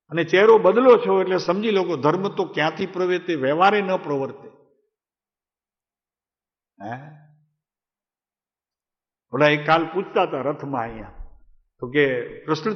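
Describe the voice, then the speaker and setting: Guy giving a chatty spiritual talk, kinda high voice, keeps quizzing the crowd, echoey hall. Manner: conversational, asks listeners questions and calls on them by name. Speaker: spiritual teacher. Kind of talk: devotional discourse to a live gathering. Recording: echoey hall, dull lo-fi sound.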